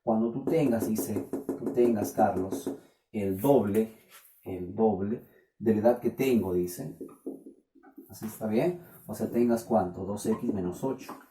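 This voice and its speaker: With a warm, lowish voice and measured pace, a math teacher lectures in Peruvian-accented Spanish. He often checks with students through questions. The room echoes, and his voice is picked up from afar.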